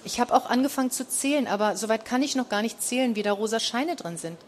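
A woman's voice: fairly high pitch, expressive, fast, slight background noise, close to an everyday voice. A woman putting on a cheeky little girl. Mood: pert. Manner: mumbling, pert replies.

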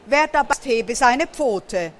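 A woman's voice: a little high, lively intonation, a little slow. A woman voicing a brave, kind young male guinea pig in a storybook read aloud. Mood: determined. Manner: upbeat, determined.

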